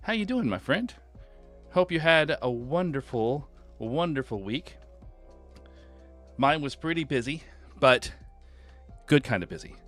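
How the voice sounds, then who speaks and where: A man's voice: a little high, expressive, measured pace, long pauses, a bit bright, soft background music. A man hosting a game live stream from home, chatting casually and greeting viewers by name.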